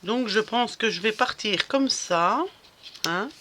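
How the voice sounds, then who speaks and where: A woman talks her way through a crafting project in a loose, rambling vlog chat, stumbling over restarts and fillers. Her voice is bright and a little sharp, with a faint hiss in the background. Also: medium pitch, slow pace. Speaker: crafting vlogger. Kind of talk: casual chat while crafting.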